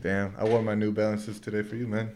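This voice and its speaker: A man's voice: lowish voice, little pitch movement, fairly quick, noisy background. A man chatting casually in a laid-back, slangy bro manner. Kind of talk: casual chat.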